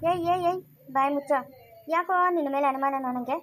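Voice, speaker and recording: A woman's voice: sits high, fairly quick, a little hiss or hum, lightly acted. A woman in a family drama playing a stern police officer who questions a suspect and comforts a lost child. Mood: suspicious. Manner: commanding, suspicious. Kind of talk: amateur family drama acting.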